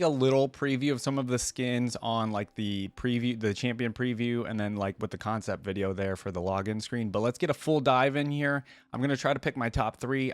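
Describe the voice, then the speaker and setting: Reacting to game content on video, a man gives informal, off-the-cuff remarks and thinks out loud. He has a mid-range voice, and there's no echo.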